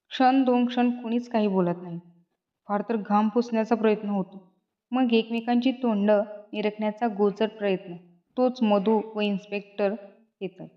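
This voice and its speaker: A woman reading a school play aloud, giving the stage directions in a plain, even way, on a dull lo-fi recording. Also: mid-range voice, moderate pace. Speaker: reader of a school textbook lesson.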